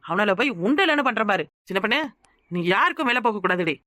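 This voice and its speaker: A woman voicing an outspoken young village woman in a cartoon, with a southern Tamil Nadu rural accent, who shouts and scolds. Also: on the high side, expressive, fast, no echo, studio quality. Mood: mocking. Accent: southern Tamil Nadu rural dialect. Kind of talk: cartoon voice acting.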